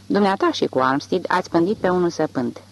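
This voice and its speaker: A doubtful grown man whispers his objections in hushed tones, as an audiobook reader voices him. His voice is quiet and skeptical and stays guarded. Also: medium pitch, expressive, natural voice, rough recording.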